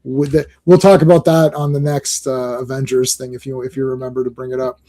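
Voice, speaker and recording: A man hosting a casual podcast, talking excitedly with co-hosts, laughing often and restarting his sentences as he rambles. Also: medium pitch, brisk. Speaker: podcast host. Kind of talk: casual chat, reviewing comics.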